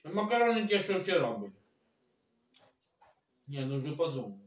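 A man's voice: a little high, sing-song, moderate pace, echoey room, recorded from a distance, slight background noise. A man eating on camera and talking with his mouth partly full, mumbling casually between bites. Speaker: mukbang vlogger.

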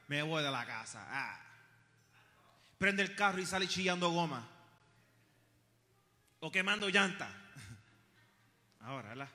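A man's voice: high-pitched, sharp tone, long reverb tail. A man preaching a sermon in a church, full of passionate rhetorical questions and humorous asides. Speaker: pastor. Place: church sanctuary.

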